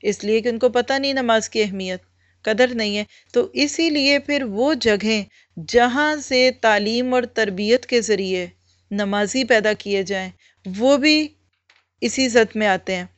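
A woman gives an Islamic religious lecture, explaining step by step and posing rhetorical questions she answers herself. Her voice is fairly high and a little slow. The recording is dry, muffled, and lo-fi.

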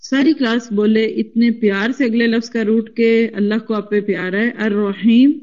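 A woman teaching a classroom lesson, spelling out root letters slowly and coaxing the class to repeat after her. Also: fairly high pitch, fairly even intonation, darkish tone, dull audio. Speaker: Quran Arabic teacher.

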